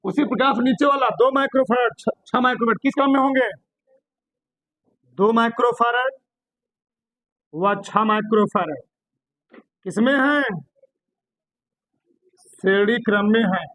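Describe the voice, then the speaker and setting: A man a very high voice teaches physics in a classroom. He keeps asking his students questions and gently scolds them as he works. The sound is dry and close, no room echo. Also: a little slow, long pauses. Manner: drills students with repeated questions, scolds lightly. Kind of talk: classroom lesson solving problems on a board.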